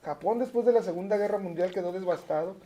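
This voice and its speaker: Man, Mexican accent, guest teacher, mellow warm voice, lecturing chat. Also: sits high, quick pace, slight background noise. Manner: explanatory, lecturing tone with tag questions. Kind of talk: casual interview chat.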